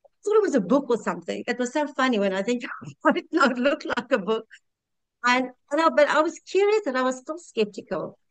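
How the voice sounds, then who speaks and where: A woman's voice: sits high, big pitch swings, a little fast, dry recording. Candid South African woman in her fifties. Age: 50s. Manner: candid, heartfelt storytelling with frequent restarts. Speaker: customer sharing a testimonial. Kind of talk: personal testimonial.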